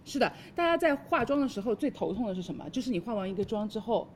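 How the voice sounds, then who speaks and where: A woman's voice: medium pitch, big pitch swings, fast, darkish tone, slight background noise. A woman presenting makeup on a live shopping stream in a conversational way, posing rhetorical questions to viewers.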